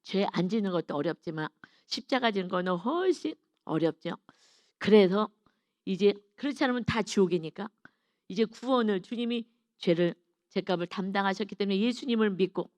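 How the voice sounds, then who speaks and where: A woman's voice: mid-range voice, lively intonation, normal speed, a little mellow, dry recording. A woman pastor giving an early-morning devotional sermon, earnest and emphatic, acting out quarrels in quoted voices.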